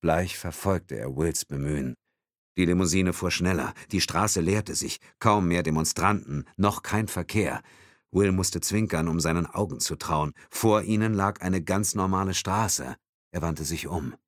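A man's voice: low-pitched, measured pace, dry recording, studio quality. A man reading a thriller as audiobook narration in a tense, dramatic manner. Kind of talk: scripted narration.

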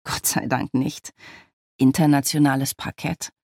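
A reader voicing a married woman, a former painter, who snaps back in brisk, exasperated retorts, in a storybook reading. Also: medium pitch, little pitch movement, a little mellow, dry recording, studio quality, voice pushed down.

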